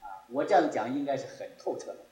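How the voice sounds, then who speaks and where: Male Buddhist teacher, sermon delivery, animated pitch, echoey room. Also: fast talker. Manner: rises and drops sharply, repeats key phrases. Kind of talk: Buddhist dharma talk.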